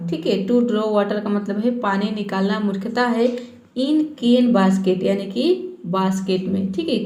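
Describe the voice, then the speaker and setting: A woman teaching English as a patient spoken lesson, often checking in with her listeners and spelling words out slowly. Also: fairly high pitch, echoey room. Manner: patient, repeats "theek hai" to check in.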